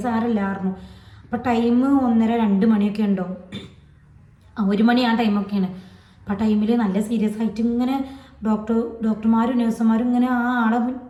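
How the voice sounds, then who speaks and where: A woman's voice: a little high, warm tone, reverberant, highs cut off. A woman, telling a personal story to her channel in a rambling, repetitive way. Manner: rambling, repetitive retelling with many fillers. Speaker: vlogger.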